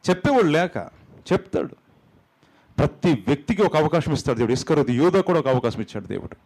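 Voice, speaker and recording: Man preaching with sudden pitch leaps. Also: quick pace, creaky, breathy edge, poor audio. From India. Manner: animated preaching, dramatizing quotes with sudden pitch jumps and drops; mixes English phrases into his talk. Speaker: pastor. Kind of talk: sermon.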